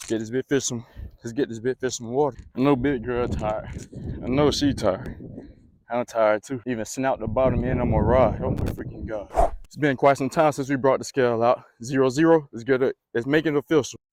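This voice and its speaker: A man vlogging his own fishing by a pond, excitable, breathing hard, exclaiming often as he narrates. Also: medium pitch, a little fast, background noise. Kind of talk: excited outdoor fishing vlog. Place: outdoors by a Florida pond.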